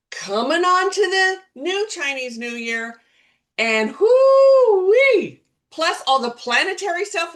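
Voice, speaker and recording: Bright high-voiced woman. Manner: warm backchannels, frequent laughter. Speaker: podcast co-host. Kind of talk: casual chat.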